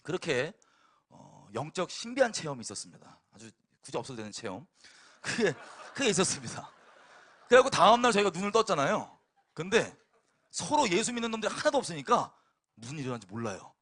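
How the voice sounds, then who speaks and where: A man preaches by way of personal testimony, in a slightly raised voice that moves widely up and down. He tells the story with lively, emphatic bursts and breaks into laughter along the way. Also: on the high side, fast. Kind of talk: sermon testimony.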